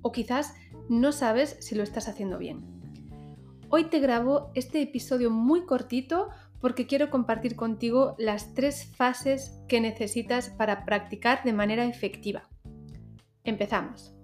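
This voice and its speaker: A woman hosting a pronunciation podcast, teaching learners in a clear, deliberate way and speaking directly to the listener. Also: on the high side, darkish tone, soft background music.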